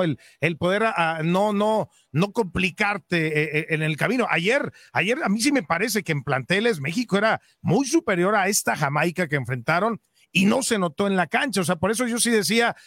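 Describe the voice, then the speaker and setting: A hesitant male sports host who restarts his words and keeps asking "¿no?". His voice is high for a man. The studio sound is dry and close. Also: expressive, moderate pace, a bit bright, dry recording. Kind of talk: studio sports panel discussion.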